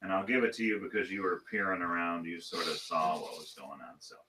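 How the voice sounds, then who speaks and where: A man narrating a live tabletop game as game master, in halting, conversational storytelling mixed with banter. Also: sits low, steady tone, far from the mic, noisy background.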